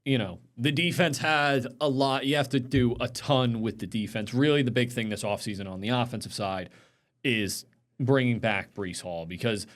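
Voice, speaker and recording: A man's voice: mid-range voice, normal speed. A man co-hosting a casual sports talk show, agreeable and analytical, often answering with short affirmations.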